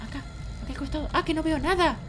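Woman doing squeaky baby boy. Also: rapid-fire, over music, natural voice. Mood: sneaky. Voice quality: squeaky childlike voice. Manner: chatty, talks to the viewers while sneaking. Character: mischievous runaway baby boy. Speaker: roleplay channel performer. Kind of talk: Minecraft roleplay.

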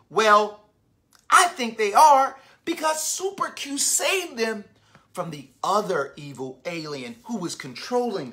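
A man reads a children's adventure book aloud in a slow, unhurried way, his pitch swinging widely as he brings the story to life. He stops often to quiz his young listeners, like a storyteller at an online story hour. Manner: animated, asks the listeners questions.

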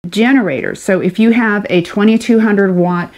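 A woman's voice: mid-range voice, moderate pace, darkish tone. Woman, fifties, RV vlog co-host, enthusiastic, casual chat, lapel mic, RV kitchen. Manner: upbeat, enthusiastic, laughs often. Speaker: RV vlogger co-host. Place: inside an RV kitchen.

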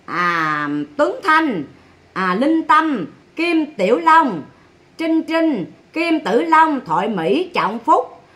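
Southern Vietnamese woman streamer, high bright voice, blunt and mocking. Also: sing-song, very slow. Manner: scolding, sarcastic, blunt. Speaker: livestreamer. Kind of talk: ranting livestream commentary.

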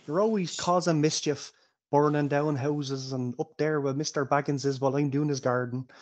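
A man's voice: on the high side, normal speed, lightly acted. A man voicing a portly middle-aged tavern man who scolds a young troublemaker. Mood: scolding.

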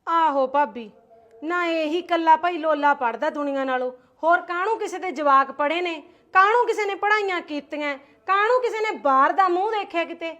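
A woman plays a touchy, resentful sister-in-law in a homemade family skit, speaking with a Punjabi accent. Her voice sits high, and she keeps tossing sarcastic tag-questions back. She sounds aggrieved and sore. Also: brisk, sharp tone. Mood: complaining. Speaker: husband's sister.

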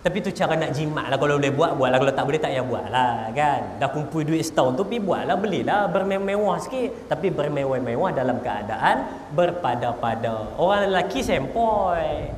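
A man with a Malaysian Malay accent preaches in a bright, high register, telling jokey anecdotes and talking straight to the crowd. His voice rings around a large hall with a long reverb tail. A faint hum of room noise sits underneath. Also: expressive, fairly quick, few pauses. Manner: joking, storytelling, addresses audience directly. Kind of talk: humorous religious lecture.

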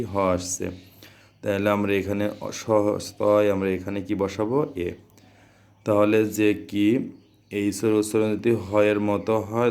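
Slow, low-voiced man teaching grammar. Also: a little mellow. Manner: repetitive, asks questions and answers them himself. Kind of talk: classroom grammar lesson.

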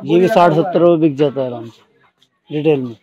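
A man's voice: fairly high pitch, fairly quick, crowd noise. A man who runs a toy shop, listing wholesale prices item by item in a matter-of-fact way. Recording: dull, lo-fi sound.

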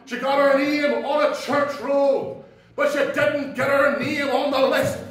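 A Northern Irish man, a pastor preaching an impassioned sermon that swings from soft asides to shouted exclamations. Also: very high-pitched, flat delivery, unhurried. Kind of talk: fiery Pentecostal sermon. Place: church hall. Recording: very echoey hall from far off.

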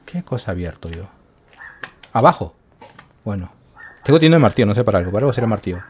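A man with a slightly husky voice talks his way through a video game. His pitch swings widely, from quiet muttering to sudden exclamations aimed at his viewers. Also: expressive, fast. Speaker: gaming channel host. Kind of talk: live gameplay commentary.

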